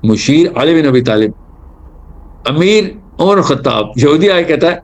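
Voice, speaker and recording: A man giving an animated religious talk, telling stories and mixing in English terms. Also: a little high. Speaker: Islamic speaker.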